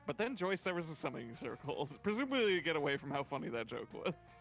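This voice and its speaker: Brief: male stream narrator reading game script, animated delivery, light music underneath. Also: on the high side, fast, gravelly. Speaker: charity stream player and narrator.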